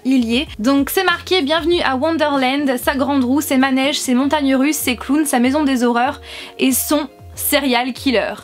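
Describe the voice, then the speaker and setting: Chatty high-voiced woman vlogger. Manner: chatty, hesitant with many fillers. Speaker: book vlogger. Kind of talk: casual haul chat to camera.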